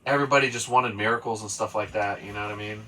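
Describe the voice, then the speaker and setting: A man's voice: on the low side, fairly even intonation, racing, sharp tone, a little hiss or hum. A man reading the Bible aloud with his child and then explaining it in loose, casual talk. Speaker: father leading family Bible study.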